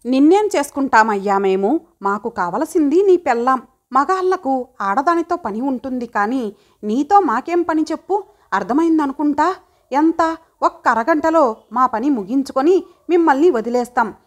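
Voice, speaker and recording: A woman's voice: high-pitched, lively intonation, normal speed. A woman reading a sneering male thug. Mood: menacing. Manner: sneering, threatening. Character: menacing male thug, crude and threatening.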